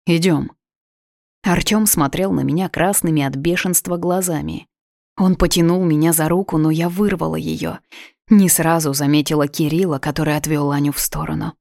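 A woman reading a first-person story aloud in steady, measured narration. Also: low-pitched, gravelly, no room sound, studio quality. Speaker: audiobook narrator.

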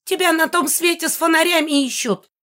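Reading an audiobook, a woman takes on the part of a spiteful old female ghost who screeches, cackles, and screams out threats. Her voice sits high and animated, forced upward, at a normal pace.

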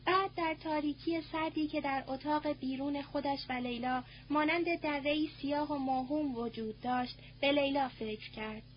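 Narrator: woman, high voice, measured audiobook reading, muffled tape with faint hum. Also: fairly even intonation. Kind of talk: scripted narration.

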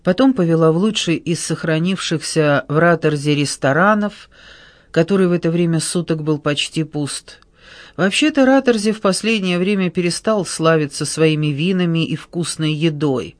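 A man narrates a novel in an even, measured storytelling manner. His voice sits a little high. The studio recording is close and dry. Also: dry recording. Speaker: audiobook narrator.

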